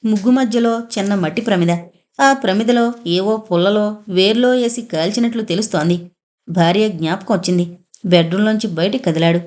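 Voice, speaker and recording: A woman reading a horror thriller audio novel aloud, in a steady, dramatic storytelling manner. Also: medium pitch, fairly quick. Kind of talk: scripted horror narration.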